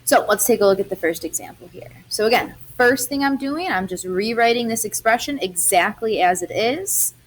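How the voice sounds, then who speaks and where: A woman's voice: fairly high pitch, animated, moderate pace, few pauses. A young adult woman, a math teacher, explaining algebra step by step in a chatty recorded lesson.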